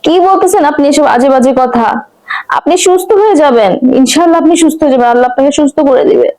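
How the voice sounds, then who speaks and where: A woman's voice: high-pitched, fairly quick, a little mellow, lightly acted, poor audio. A woman playing a pious wife, speaking earnestly and imploringly in a short film drama. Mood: reassuring, devout. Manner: earnest, pleading, respectful.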